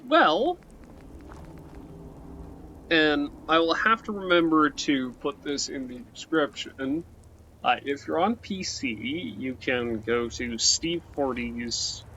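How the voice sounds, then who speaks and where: This man's pitch is fairly high and his tone bright and forceful as he gives loose, casual game commentary for his let's play. Sentences often get restarted or capped with "right?", and the muffled recording carries a faint background hiss.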